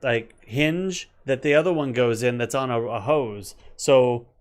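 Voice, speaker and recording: A man in his forties co-hosting a relaxed live chat from home. He talks in a chatty, meandering way, with a voice of ordinary pitch for a man, and loops from one story into the next. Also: a little slow. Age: 40s. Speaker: co-host.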